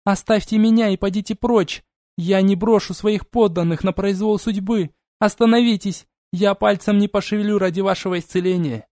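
A man doing a young queen and healer mage, high, strained voice, defiant, crying out for help, dry close audiobook sound. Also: steady tone, moderate pace, no echo, natural voice. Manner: pleading, defiant shouting. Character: young female elf-allied queen and healer mage, indignant.

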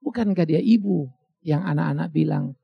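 A man's voice: on the high side, moderate pace, creaky, slightly rough, dry recording, lo-fi sound. A male pastor preaching a sermon, addressing the congregation directly and building emphatic, repeated rhetorical phrases. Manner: acts out voices of people in his stories.

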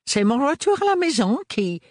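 A man voicing an excitable, eccentric male scholar and father who exclaims and slips English words into his speech. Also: extremely high pitch, normal speed, no echo, clean studio sound, pitched above the performer's own voice. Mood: astonished.

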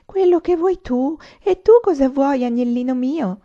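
A woman's voice: sits high, lively intonation, measured pace, warm tone, pitched above the performer's own voice. A woman voicing a bold, coarse young tavern girl who teases brazenly, in a storybook reading. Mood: mocking. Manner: brazen, teasing. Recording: slightly muffled recording.

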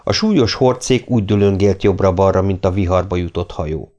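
A man narrating an audiobook in a steady, measured reading voice. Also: sits low, lo-fi sound. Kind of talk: scripted narration.

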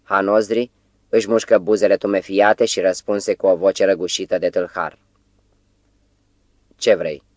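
Low-voiced man narrating an audiobook. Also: flat delivery, darkish tone, no room sound. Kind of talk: scripted literary narration.

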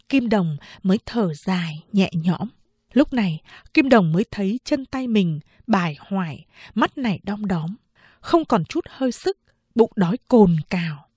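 Brief: female audiobook narrator, unhurried and steady, slightly high voice, close dry mic. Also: slightly rough, no room sound. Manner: steady, measured storytelling. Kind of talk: scripted novel narration.

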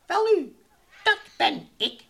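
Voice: extremely high pitch, animated, slow pace, pushed and bright, full character voice. A performer voicing Professor Kwartje, a haughty, mischievous little alien who chatters grandly in nonsense-peppered speech in a children's radio play. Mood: smugly explaining. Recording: old radio recording with faint noise.

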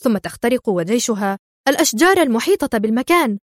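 A woman voicing a ruthless, quick-tempered female crime boss who snaps orders, in an audiobook. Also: fairly high pitch, lively intonation, no echo, clean studio sound, close to an everyday voice. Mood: scheming. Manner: sharp, imperious, snapping orders. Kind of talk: audiobook character voice.

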